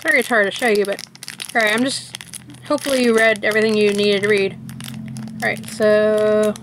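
A woman's voice: medium pitch, steady tone, brisk, a little hiss or hum. A woman chatting casually as she unwraps and tastes snacks for a vlog, thinking aloud as she goes. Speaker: vlogger.

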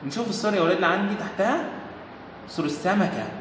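Egyptian male teacher giving a patient, repetitive lesson to young children; pitched fairly high, recorded in a booming, reverberant room with a faint hiss. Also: racing, fairly bright tone. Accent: Egyptian Arabic. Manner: patient, repetitive, addresses children, praises often. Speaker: Arabic teacher. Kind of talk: remote primary-school lesson.

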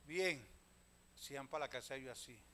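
A man, a pastor telling stories in a sermon, swinging from loud calls to hushed asides and often addressing listeners as brother. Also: mid-range voice, normal speed. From Venezuela. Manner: storytelling preacher, swings from loud calls to hushed asides, keeps saying "hermano".

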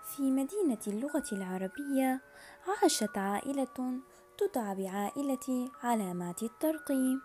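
Female primary teacher, higher register, instructive dictation-style delivery to young children, music running underneath. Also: animated, moderate pace, warm tone. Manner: addresses pupils with praise and prompting questions. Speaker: primary school Arabic teacher. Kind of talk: scripted lesson narration for children. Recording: music behind the voice.

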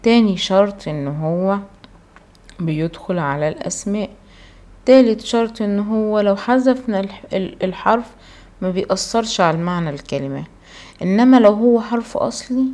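A woman teacher with an Egyptian Arabic accent, giving a primary school language lesson. She reads each word slowly and drawn out, then explains quickly and asks the pupils questions. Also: medium pitch, animated, darkish tone. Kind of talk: recorded classroom lesson.

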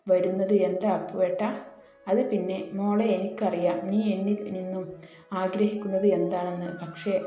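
A woman's voice: mid-range voice, dark tone. A woman reading a romance story aloud, voicing every character's lines in her own voice. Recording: echoey room with faint music.

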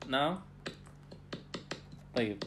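Patient male teacher leading an online lesson over a video call, middle-pitched voice. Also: animated, very slow, a bit bright, slight background noise. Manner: patient, drills terms, ends phrases with "ya". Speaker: Arabic teacher.

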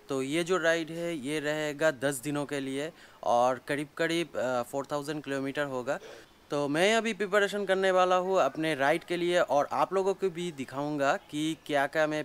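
A young motorcycle vlogger whose first language is Bengali explains things step by step in casual talk to camera, using frequent hesitant fillers. His voice is on the high side and a bit bright, with a little hiss or hum. He starts outdoors in a yard, then moves into a small room.

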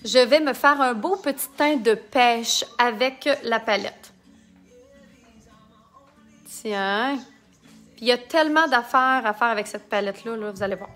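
A woman's voice: fairly high pitch, measured pace, pauses often, fairly bright tone, faint music behind. A woman with a Québécois accent, chatting and joking while she demonstrates makeup in a casual live tutorial and reads out viewer comments. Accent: Québécois French. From Quebec.

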